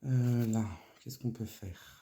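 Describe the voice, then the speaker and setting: A woman narrating her budgeting casually and counting aloud, haltingly, her voice thick and strained from swollen tonsils. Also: very deep voice, level tone, dark tone. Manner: halting, murmuring to self while counting. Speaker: host of a budgeting video. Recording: noisy, with clicks and paper rustling.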